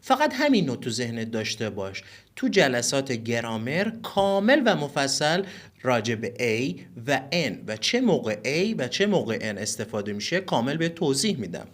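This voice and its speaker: A man teaching an English lesson, repeating each word and sentence slowly and deliberately, with quick, direct explanations between the drills. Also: medium pitch, sing-song. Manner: slow, deliberate word-by-word repetition. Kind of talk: language lesson with repetition drills.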